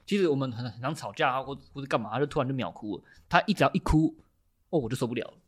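A man's voice: mid-range voice, very fast. A man co-hosting a casual podcast chat, rambling with stammered restarts and bursts of laughter. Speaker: podcast co-host.

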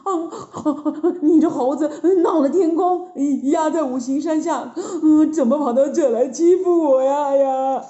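A woman's voice: high voice, takes it slowly, dark tone. A woman voicing a clumsy, good-natured pig demon who stammers and chuckles as he brags. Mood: whiny. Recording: echoey, dull lo-fi recording.

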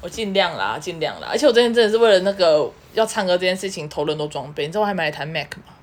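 Fast-talking woman in her thirties. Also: fairly low pitch, lively intonation. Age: 30s. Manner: quick, giggly storytelling. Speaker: podcast co-host. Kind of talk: casual chat.

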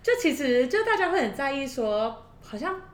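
A woman's voice: sing-song, moderate pace. Taiwanese-accented woman in a roomy space. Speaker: podcast co-host. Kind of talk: conversational educational discussion. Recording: roomy echo, faint noise and rumble.

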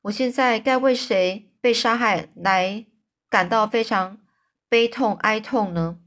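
A woman's voice: fairly high pitch, slow pace, a bit bright. Woman reading frail young man, overwrought, pleading, emotional, storybook. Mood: anxious.

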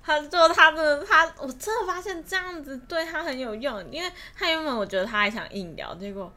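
Bright-voiced young woman telling stories. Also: sits high, fairly quick. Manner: laughs often, animated retelling. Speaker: podcast co-host. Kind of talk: casual storytelling chat.

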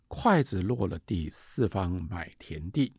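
A male lecturer voicing a sharp-tongued old female servant who nags and taunts with rhyming sayings. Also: deep voice, sing-song, measured pace, vocal fry, breathy edge, no room sound, studio quality, exaggerated voice. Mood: needling.

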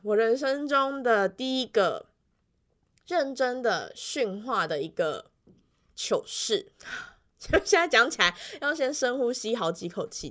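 Young woman, Taiwanese Mandarin accent, mid-pitched, lively chatty storyteller with lots of fillers. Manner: chatty, animated storytelling with frequent laughs and fillers. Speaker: elementary school music teacher. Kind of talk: casual weekly vlog storytelling.

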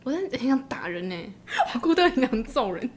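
A woman's voice: on the high side, brisk, crowd noise. A young woman co-hosting a podcast, chatting casually, laughing often and acting out what people said. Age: young adult. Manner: animated, laughs often, acts out quotes. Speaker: podcast co-host. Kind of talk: casual chat.

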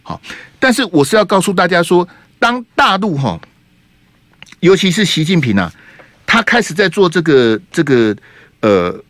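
A man's voice: high voice, moderate pace, no room sound. A middle-aged man, hosting a radio talk show with rhetorical political commentary and many 哈 and 啊 tags. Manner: animated and rhetorical, tags sentences with 哈 and 啊. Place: radio studio.

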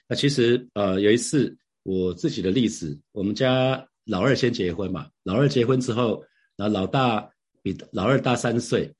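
A middle-aged preacher shares a devotional Bible reading in a loose, conversational way. His voice sits low and sounds husky, and he often circles back, repeating phrases and posing rhetorical questions. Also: darkish tone.

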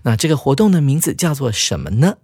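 Male English teacher, animated pitch, dry close sound, chatty lesson delivery. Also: breathy edge, no echo. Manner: lively, chatty teaching with drawn-out particles. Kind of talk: explaining English grammar for students.

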